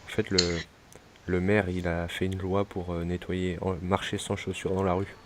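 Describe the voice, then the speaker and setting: A young man hosting a casual gaming chat, with a lively intro and short interjections. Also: low voice, moderate pace, slight background noise. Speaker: gaming channel host.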